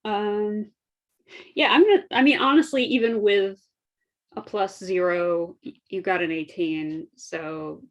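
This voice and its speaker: A woman's voice: mid-range voice, unhurried. A woman narrating as game master of a tabletop game, loose and giggly, with casual swearing.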